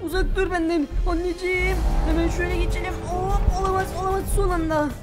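A woman voicing an excitable young male cartoon hero, who shouts frantic exclamations and talks straight to the viewers. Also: very high-pitched, fast. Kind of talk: animated cartoon voice acting. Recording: background music under the voice.

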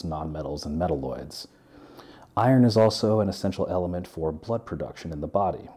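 A man in his thirties, a welder, giving a measured, earnest scripted narration of an essay in his living room. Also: very deep voice, warm tone, slightly rough.

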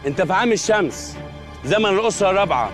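A stern ancient Egyptian guard. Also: male voice, high voice, lively intonation, rapid-fire, over music. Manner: commanding, interrogating.

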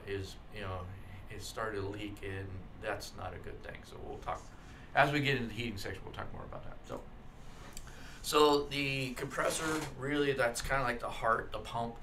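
A man teaching an automotive class over slides, talking in a halting way with many fillers and restarts and frankly adding his own opinions. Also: lowish voice, noisy background. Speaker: automotive instructor. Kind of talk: slide lecture.

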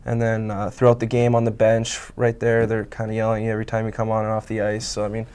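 A Canadian college hockey player in his twenties, whose first language is Italian, gives relaxed, casual answers as a guest in a small local TV studio, filling them with lots of "um"s and "I mean"s. His smooth, clear voice is on the low side, flat and level, and he talks fast. A lapel mic picks him up.

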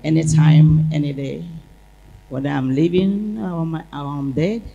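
A woman giving an animated church testimony, acting out the dialogue as she tells it. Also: low voice, unhurried, vocal fry, dull audio. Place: large church hall. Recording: echoey church hall.

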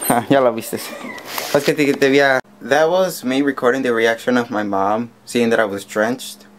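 A teenage boy talks casually into a handheld camera, rambling and restarting his sentences in a self-mocking way. His voice sits at a middle pitch, with a faint hiss of noise behind it. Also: moderate pace. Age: teens. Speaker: vlogger. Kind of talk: casual daily vlog. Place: outdoors walking in rain, then at home.

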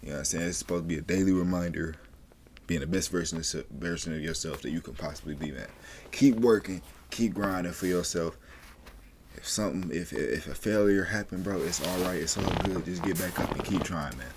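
Deep-voiced young man rambling casually. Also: fairly quick, darkish tone. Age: 20s. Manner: laid-back, rambling slang-heavy talk. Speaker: reaction streamer. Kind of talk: casual reaction commentary.

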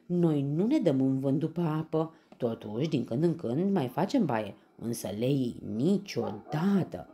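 A woman's voice: low voice, animated, hardly any pauses, warm tone, slight background noise, voice pushed up. A woman voicing a hungry, fretful male pig in a storybook, with a whiny manner. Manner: whiny, complaining.

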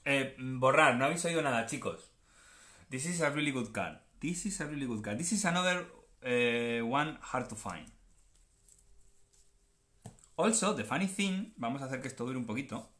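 Lively bright-voiced Spanish man chatting. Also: medium pitch, normal speed, long pauses. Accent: Spanish from Spain. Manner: chatty and playful, often joking and self-mocking. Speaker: card unboxing channel host. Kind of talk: casual unboxing commentary, switching between Spanish and English.

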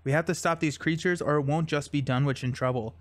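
Brief: a man reading a tired, dutiful old-school professor from a card game story, sighing, pitch a bit high. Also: fairly even intonation, fast, dry recording, lightly acted. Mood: weary. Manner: sighing, weary. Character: weary dutiful male professor.

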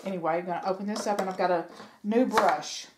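A woman's voice: mid-range voice, fast talker, noisy background. A woman narrating a home furniture refinishing project in a casual, rambling way, with fillers and self-corrections, recorded on a camera mic in her sewing room. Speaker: DIY furniture vlogger. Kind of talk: casual how-to narration while working.

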